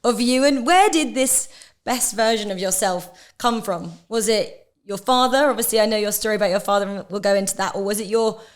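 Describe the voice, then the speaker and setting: A woman's voice: medium pitch, a little fast. A woman hosting a podcast interview, asking friendly, probing questions. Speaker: podcast host.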